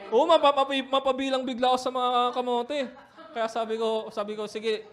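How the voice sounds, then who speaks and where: A man, a pastor telling a personal story in a sermon, moving between hushed reflection and loud, laughing retelling. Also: very high-pitched, level tone, brisk, faint music behind.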